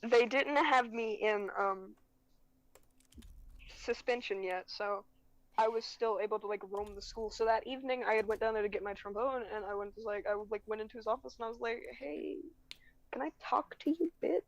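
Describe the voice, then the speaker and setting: A woman's voice: medium pitch, steady tone, fairly quick, dull audio. A teenage girl, casually telling a long school story while streaming a game, swearing freely and acting out what people said. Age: teens. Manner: rambling, swears freely, quotes people in dialogue.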